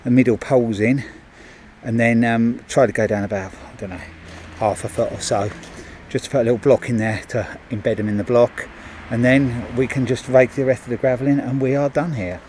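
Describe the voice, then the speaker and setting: A middle-aged handyman speaks fairly quickly in a steady, mid-range, darkish voice, showing finished work outdoors at a driveway gate. He's chatty, with frequent ums and restarts, and a little hiss or hum comes through his body-worn action camera.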